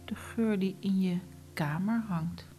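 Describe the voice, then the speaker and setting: A woman guiding a relaxation meditation, speaking softly and often in a whisper. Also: mid-range voice, faint music behind. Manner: slow, soft, often whispered instructions. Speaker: meditation guide.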